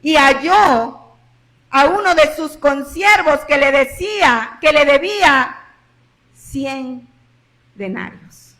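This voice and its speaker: A woman pastor with a Mexican Spanish accent preaching a sermon, swinging between loud emphasis and hushed drops and repeating phrases for emphasis. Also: sits high, lively intonation, takes it slowly.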